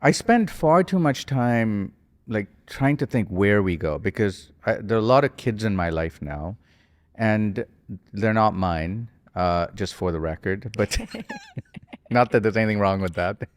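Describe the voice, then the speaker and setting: A man's voice: on the low side, lively intonation, a little slow. A man in his forties, a podcast guest, musing at length with frequent restarts and self-corrections. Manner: thoughtful, rambling, self-correcting. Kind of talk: casual conversation. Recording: long hall reverb.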